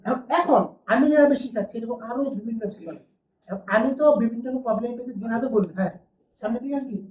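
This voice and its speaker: A woman's voice: a little high, very fast, darkish tone, a little hiss or hum. A woman teaching a classroom lesson, often asking the class a question and then answering it herself. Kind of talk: classroom lecture. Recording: distant, dull, roomy classroom recording.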